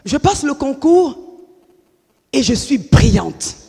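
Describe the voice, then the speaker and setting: A woman, telling her life story to an audience in a lively way and acting out the voices of the people in it. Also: sits high, slow pace, vocal fry. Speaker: speaker giving a personal testimony. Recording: long hall reverb.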